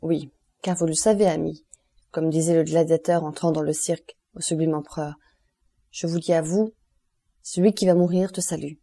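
A woman's voice: sits low, fairly even intonation, normal speed, dark tone. A woman voicing an impulsive, grieving young man in an audiobook, speaking in a raised, emotional, exclaiming way. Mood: ardent.

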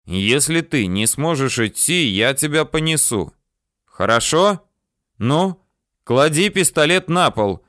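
A man voicing a steady male surveyor who speaks slowly and calmly under threat. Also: fairly high pitch, no room sound, studio quality, voice pushed up. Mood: coaxing. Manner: slow, coaxing, calm.

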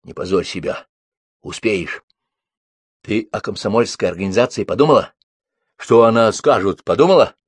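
A stern young Komsomol boss who lectures and scolds in a low, husky voice, read by a man. The recording is dry and close. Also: normal speed, pauses often, no echo. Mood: scolding.

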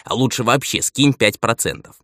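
A man's voice: medium pitch, lively intonation, normal speed, a bit bright, dry recording, studio quality, pitched above the performer's own voice. A man reading the part of an old steward who nags and lectures a younger man, in an audiobook. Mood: scolding. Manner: nagging, lecturing elder. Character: old male steward, stern, patient, scolding.

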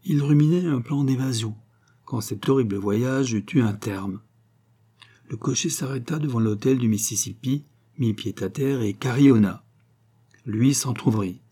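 Male audiobook reader, mellow dark tone, husky, measured storytelling. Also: medium pitch. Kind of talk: scripted narration.

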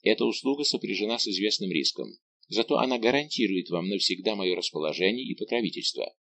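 A man's voice: fairly low pitch, expressive, fast talker, gravelly, fairly bright tone, no room sound. A man reading an audiobook voices a proud minister who speaks with emphasis and passion. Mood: impassioned.

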